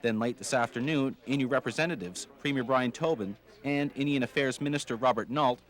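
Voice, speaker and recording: A man's voice: mid-range voice, brisk. A man reading a scripted television news report as a reporter.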